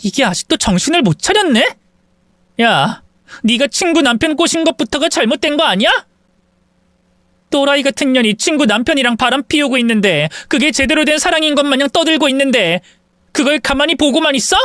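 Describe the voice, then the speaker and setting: A woman's voice: high voice, expressive, brisk, dry recording, clean studio sound. A woman voicing a betrayed young woman who bluntly and angrily insults her former friend over the phone in a drama story. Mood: scornful. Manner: sharp, accusing, harsh insults. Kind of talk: acted phone quarrel in a story video.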